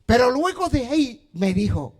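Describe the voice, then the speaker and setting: A man's voice: very high-pitched, sing-song, moderate pace, darkish tone. A male pastor preaching a sermon in a church, telling a story and then pleading with the congregation in repeated calls. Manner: repetitive, pleading invitations. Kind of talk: sermon with storytelling and altar call.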